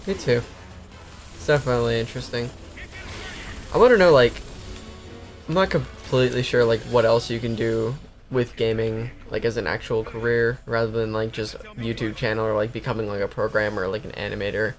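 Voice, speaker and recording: A man's voice: mid-range voice, fairly even intonation, a little fast, faint music behind. A young man co-hosting a casual gaming chat, rambling with lots of likes and restarts. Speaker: co-host.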